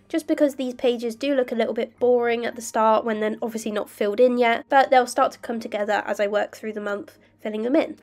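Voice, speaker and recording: Slightly croaky young woman. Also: on the high side. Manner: calm, detailed step-by-step explaining. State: croaky voice from illness. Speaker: bullet journal vlogger. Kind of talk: voice-over narration of crafting.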